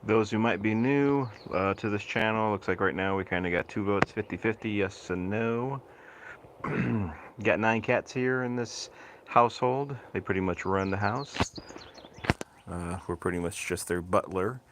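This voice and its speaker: A man hosting a casual livestream with his cats, chatting easily and reading out viewers' comments in a self-described monotone voice. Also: lowish voice, a little slow, background noise. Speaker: livestream host. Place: home, cats outdoors.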